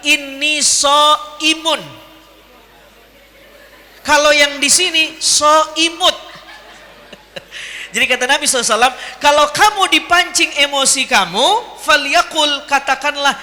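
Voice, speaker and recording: High, bright-voiced jokey male preacher. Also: normal speed. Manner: jokey and teasing, quizzing the crowd. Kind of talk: lively Ramadan sermon to an audience. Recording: long hall reverb.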